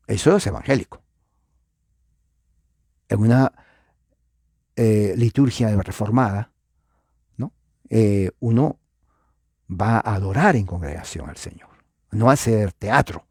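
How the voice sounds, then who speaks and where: A man's voice: on the low side, unhurried, pauses often, darkish tone, husky, no echo, studio quality. A man teaching church history in an informal lecture, asking his listeners rhetorical questions and using frequent filler sounds. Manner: speaks directly to viewers.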